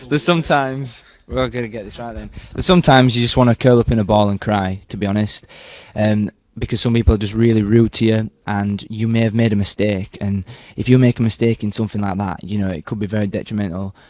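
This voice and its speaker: Chatty young Yorkshire man, low voice. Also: steady tone, fairly quick, few pauses, darkish tone. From Yorkshire, England. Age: young adult. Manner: chatty and laughing, with frequent fillers. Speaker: university student, torch relay participant. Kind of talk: casual interview chat.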